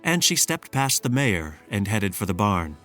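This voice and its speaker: A man reading a children's storybook aloud in a measured, expressive storytelling manner. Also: lowish voice, soft background music. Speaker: storybook reader. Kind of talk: scripted narration.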